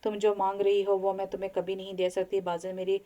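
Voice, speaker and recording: A quiet, firm young bride from an audio novel, voiced by the female narrator. She speaks in a subdued, restrained way, even and almost without melody. The voice is soft and mellow. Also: mid-range voice, brisk, muffled recording, lightly acted. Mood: stern. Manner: subdued, turning stern.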